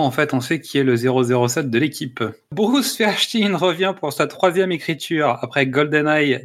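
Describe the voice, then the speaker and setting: A man's voice: fairly high pitch, a bit bright. A man hosting a casual film podcast, joking, laughing and reading out summaries. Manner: jokey, laughs often, reads summaries aloud. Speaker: podcast host.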